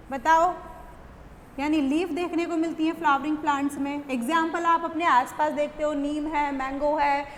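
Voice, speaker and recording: A young woman with an Indian accent teaches a biology lecture in a high voice. She keeps asking questions and answering them herself, often calling her students "beta". The room has a long reverb with a faint hiss underneath. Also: a bit bright. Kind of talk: classroom lecture.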